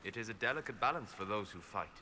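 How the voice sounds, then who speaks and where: An actor playing a measured, thoughtful male veteran mage in a video game. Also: fairly low pitch, expressive, natural voice. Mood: reflective. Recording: game audio under gameplay noise.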